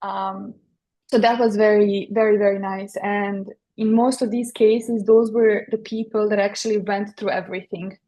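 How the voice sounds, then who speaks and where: Serbian-accented woman, flat-voiced and hesitant. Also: mid-range voice, moderate pace. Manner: hesitant, many fillers and restarts. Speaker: guest, interior designer. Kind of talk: podcast interview.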